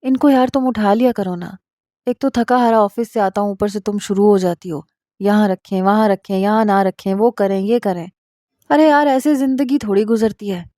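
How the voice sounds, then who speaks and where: A teasing young husband from a storybook, all banter and mock complaint, as a woman reads him in her own mellow voice. The sound is dry and close. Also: mid-range voice, no echo, lightly acted.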